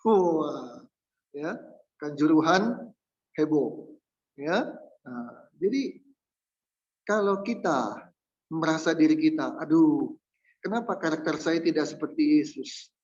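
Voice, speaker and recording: A male pastor preaching a sermon, humorous and lively, acting out the voices he quotes. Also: on the high side, highs cut off.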